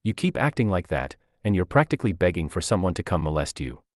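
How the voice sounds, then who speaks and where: A man reading a story and voicing a female ninja mentor who speaks bluntly and teasingly, slightly slower than his narration. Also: low-pitched, very animated, no room sound, clean studio sound.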